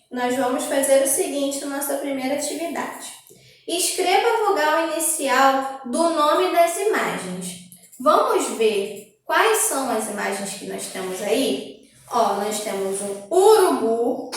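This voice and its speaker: A young Brazilian woman teaching preschoolers on video, her voice high and her words slow and drawn out. She keeps checking in with a gentle sing-song "tá bom?". The recording sounds very echoey, with her standing well back from the mic. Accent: Brazilian Portuguese. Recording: echoey room, voice distant from mic.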